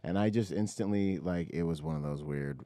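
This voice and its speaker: With a deep, mellow voice at a fairly quick clip, a man casually recounts personal stories on a podcast in loose, slangy talk. He has an American accent and comes from the Bahamas and Washington State. There's no room sound on the recording.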